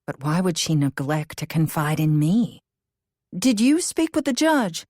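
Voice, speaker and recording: A woman reads as an anxious amateur sleuth in a cozy mystery audiobook. She is a loyal woman, emphatic and questioning, with animated pitch and a dry sound. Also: unhurried, no echo, full character voice. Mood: disbelieving.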